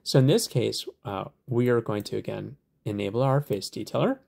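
A man hosting a software tutorial, explaining steps in a relaxed, conversational way with lots of fillers. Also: medium pitch, moderate pace, creaky. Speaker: tutorial host.

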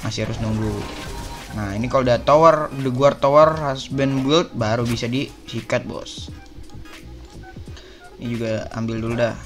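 Young guy, casual gaming commentary, slangy and chummy, mid-pitched, faint game music under him. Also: steady tone, normal speed, long pauses. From Indonesia. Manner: slangy, chummy, addresses viewers as bos and coy. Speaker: gaming YouTuber. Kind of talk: casual gameplay tips commentary.

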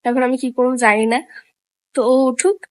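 A woman's voice: sits high, lively intonation, fairly quick, no echo. A young woman with a Bengali accent, vlogging in casual chat and talking straight to viewers in a playful way.

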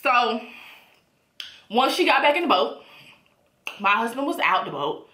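A woman telling a story casually, animated and laughing as she goes, swearing freely. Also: a little high, measured pace, reverberant, a little hiss or hum. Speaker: storytelling vlogger.

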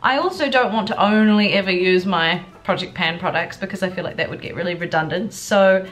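Sick with a congested cold, a young adult beauty vlogger chats casually, if a bit subdued, through a makeup tutorial in her furnished living room at home, with music playing. Her voice sits on the low side, fairly quick and fairly bright.

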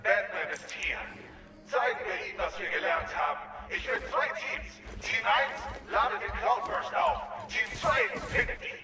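Ein Schauspieler spielt in einem Videospiel einen arroganten militärischen Schurken, der verächtlich Befehle gibt. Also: male voice, sits high, very animated, measured pace, long pauses. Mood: commanding. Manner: commanding, contemptuous. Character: arrogant male villain commander, taunting and militant. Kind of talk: dramatic game voice acting. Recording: echoey, distant, music behind.

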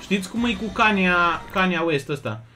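A young man from Romania streaming slots live, chatting casually and loudly greeting viewers one after another. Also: sits high. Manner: loud, excitable, greets chatters rapidly. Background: music.

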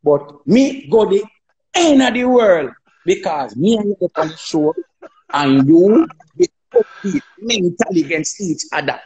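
A man with a Jamaican accent chatting on a phone livestream, telling animated stories, laughing and acting out dialogue. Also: sits high, unhurried, highs cut off. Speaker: dancehall artist on a live stream. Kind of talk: casual chat on a livestream.

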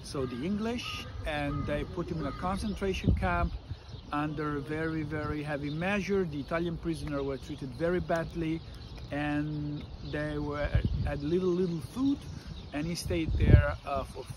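A man's voice: fairly high pitch, fairly even intonation, a little slow. Casting: middle-aged father, informal, explaining to a child in simple phrases, noisy outdoor phone recording. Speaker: father and guide. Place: outdoors on a city street. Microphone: phone camera a step or two away. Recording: outdoor phone recording, clear ambient noise.

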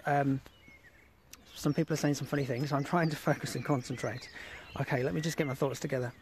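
The host of a live outdoor exploring stream, an Englishman at an abandoned rail site, talks casually and rambles, restarting sentences and repeating fillers. His mid-range voice is gravelly, with slight background noise and poor audio.

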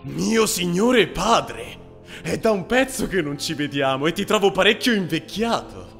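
A brash, greedy homunculus, as a man voices him in an anime fan dub. He talks slowly in a high, bright voice that swoops about, full of mockery and defiance. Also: sing-song, creaky, faint music behind, exaggerated voice. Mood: defiant. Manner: mocking, brash, shouts when defiant. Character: cocky swaggering male homunculus, greedy and defiant.

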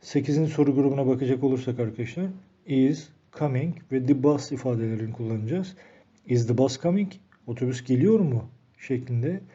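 Dark-voiced man teaching English grammar. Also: medium pitch, breathy edge. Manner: slows down to read English examples aloud. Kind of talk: grammar lesson. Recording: dull lo-fi recording.

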